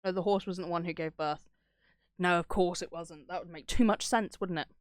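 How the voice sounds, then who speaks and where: Talking a little fast in a lowish voice with fairly even intonation, a woman who streams horror-video reactions chats and rambles through stories, cursing freely and irreverently. She voices the characters' dialogue as she retells events, and the recording is dry and studio quality.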